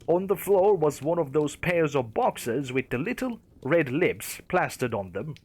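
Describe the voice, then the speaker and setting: A man's voice: fairly high pitch, sing-song, unhurried, darkish tone. A man narrating a creepypasta story in a wry storytelling manner.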